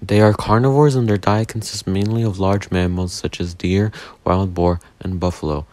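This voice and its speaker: A man's voice: low-pitched, steady tone, normal speed, darkish tone, no echo. A man reading scripted, factual nature documentary narration.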